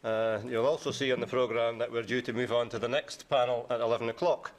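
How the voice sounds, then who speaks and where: A man's voice: medium pitch, fairly even intonation, quick pace. Hesitant man chairing a conference. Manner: hesitant, lots of uh fillers. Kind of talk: chairing a session. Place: conference room.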